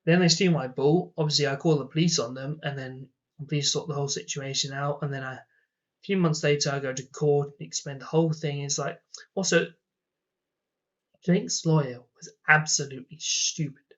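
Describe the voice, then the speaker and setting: Young male vlogger, casual storyteller, voices the people he quotes, a bit high, muffled lo-fi sound. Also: fairly even intonation, a little fast, fairly bright tone. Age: young adult. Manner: rambling, acts out quoted dialogue. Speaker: vlogger telling personal stories.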